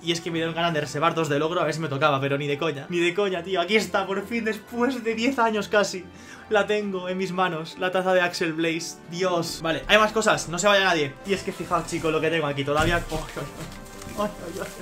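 A young man from Spain with a Spanish accent, excitedly unboxing on a video, exclaiming and swearing as he goes. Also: sits high, fast, soft background music. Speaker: YouTuber.

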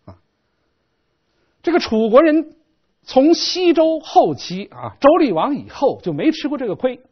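Husky, animated male history lecturer. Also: extremely high pitch, unhurried, dull audio. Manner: animated storytelling with colloquial asides.

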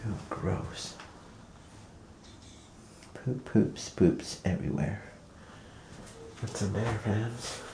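A deep-voiced man vlogs his exploration of an abandoned rural house, both outside and indoors, filming on a handheld camera at arm's length. He drawls his words in a creaky voice, pauses often, and excitedly calls his viewers "fams" over background noise.

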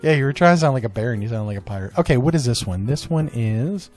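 Brief: middle-aged man, upbeat family unboxing host, lively swings in pitch, light music underneath. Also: quick pace. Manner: upbeat, chatty, lots of fillers. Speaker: parent co-host unboxing toys. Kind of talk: casual family toy unboxing.

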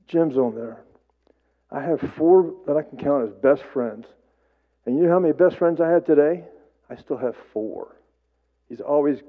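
A man giving a eulogy to an audience, telling stories in a rambling, halting way with repeated words and folksy humor. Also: a little high. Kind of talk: storytelling speech to a gathered audience. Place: memorial service, before an audience. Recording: tinny phone-like sound.

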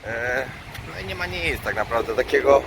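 A man's voice: medium pitch, expressive, moderate pace, heavy background noise. A man with a Polish accent chatting casually as a travel vlogger, rambling in slangy, colloquial speech and thinking aloud. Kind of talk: casual rambling vlog chat.

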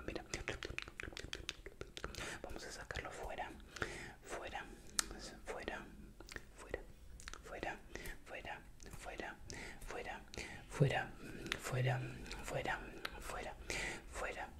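A young man with a Latin American voseo accent delivers a whispered pep talk for ASMR. His voice stays in a breathy, unvoiced whisper, close to the mic. He repeats words soothingly and keeps an encouraging manner. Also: measured pace, pauses often. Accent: Latin American Spanish with voseo. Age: young adult. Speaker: ASMR creator. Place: small indoor room with bare wall. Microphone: desk microphone up close.

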